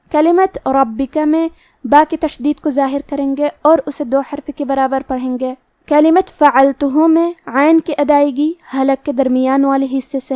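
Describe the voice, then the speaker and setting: A woman teaching Quranic recitation rules, explaining each letter slowly and carefully, then reciting in a slow, melodic way. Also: high voice, a little mellow, dry recording. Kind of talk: tajweed lesson.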